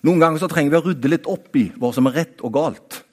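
A man preaching a sermon. He talks straight to his listeners, rising to emphatic high points and then dropping to quiet asides. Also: slightly rough. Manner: animated, talks straight to the listener with repeated "vet du hva?"; swings between raised, emphatic peaks and quiet, low-voiced asides.

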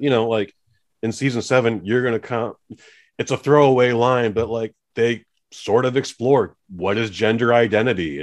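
A man with a fairly low voice hosts a casual podcast chat. He talks in an animated way and acts out the scenes he describes. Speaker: podcast host.

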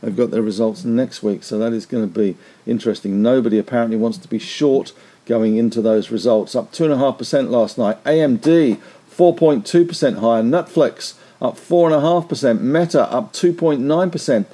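A man hosting a market podcast, delivering rapid market news with figures in a chatty, wry way. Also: medium pitch, dark tone.

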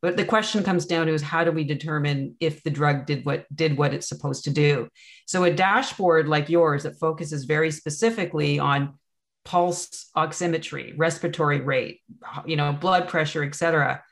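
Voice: medium pitch, steady tone, moderate pace. An interview host who asks long, winding questions, often adding "you know" and "if you will.".

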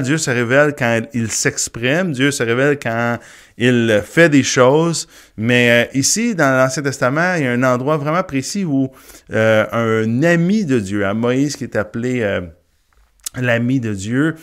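A man giving a morning Bible teaching, talking it through with many fillers and restarts. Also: mid-range voice. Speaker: pastor.

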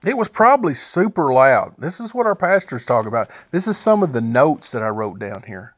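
A man's voice: medium pitch, very animated, fairly quick, no room sound. Earnest man giving devotional talk. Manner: earnest, conversational, rambling with self-corrections. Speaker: podcast host sharing devotional notes.

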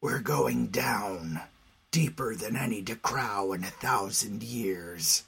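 A man voicing a hardened male adventurer who speaks low and tersely and barks orders in a fantasy story. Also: takes it slowly, vocal fry, crowd noise. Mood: grim. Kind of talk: audio drama storytelling.

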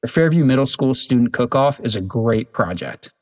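A man's voice: mid-range voice, lively intonation, normal speed, a little mellow, lightly acted. A man voicing an earnest, persuasive middle-aged school principal in a storybook reading.

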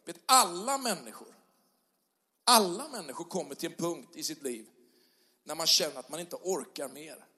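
A middle-aged male pastor preaching a sermon in a church hall, conversational with tag questions, rising to loud passionate peaks. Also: a little high, lively intonation. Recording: long hall reverb.

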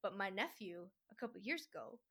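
A young woman with a bright, clear voice chatting casually with a friend. She is chatty and animated and laughs easily. Her pitch sits in the middle of the range. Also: a little fast. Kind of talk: casual chat.

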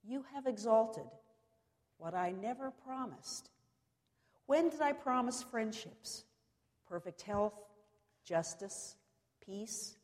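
Lady preacher doing a cathedral sermon, real slow and solemn, pauses between phrases, big echoey church reverb. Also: medium pitch, a little mellow. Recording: long reverberant echo of a large hall.

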